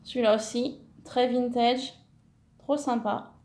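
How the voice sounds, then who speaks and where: Bright, high-pitched woman vlogger, chatty and gushing, self-correcting, relaxed at-home haul. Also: slow pace, reverberant. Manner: enthusiastic, many fillers, self-correcting. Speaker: scrapbooking vlogger. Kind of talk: casual haul vlog, showing paper.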